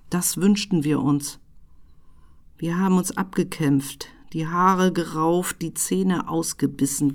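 This slow poetry recital comes from a woman with a fairly low, gravelly voice; the rhythm of her reading is broken by abrupt loud bursts and whispered phrases.

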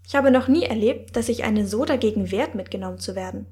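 A woman's voice: mid-range voice, fast talker, warm tone, lightly acted. A woman reading an audiobook, voicing a brusque female spirit who guides souls, impatient and reproachful. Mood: puzzled.

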